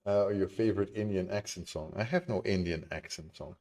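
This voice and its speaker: A man's voice: low voice, a little fast, dark tone. A man chatting casually with his live-stream viewers in a chatty, apologetic, easily amused way. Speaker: game dev streamer.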